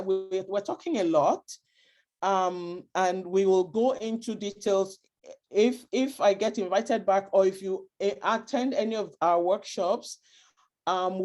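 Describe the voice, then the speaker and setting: A woman with a Nigerian accent gives an advice talk to immigrant parents, speaking earnestly and emphatically and repeating her key points. Her voice is medium in pitch and warm.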